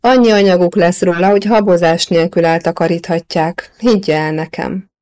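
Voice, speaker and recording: Jovial boastful older boss, read by a woman narrator, low-voiced, in an audiobook. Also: steady tone, a little mellow, lightly acted. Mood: reassuring. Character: jovial middle-aged Finnish-American man, boss.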